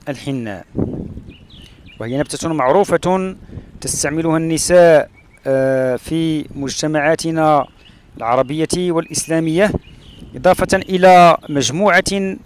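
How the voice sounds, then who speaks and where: A man's voice: a little high, a little hiss or hum. Hesitant man narrating his road trip. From Morocco. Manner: hesitant, with frequent "uh" fillers and pauses. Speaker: travel vlogger. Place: outdoors on a rural road and in a palm oasis.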